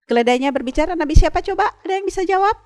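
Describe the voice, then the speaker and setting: A woman's voice: very high-pitched, racing. A woman Sunday school teacher retelling a bible story for children and asking them questions. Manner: lively, asks children questions.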